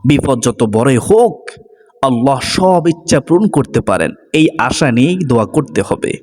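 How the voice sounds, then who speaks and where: A man's voice: mid-range voice, big-room sound. Earnest male preacher addressing viewers. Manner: earnest, repeats key phrases for emphasis. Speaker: Islamic preacher. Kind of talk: devotional sermon to viewers.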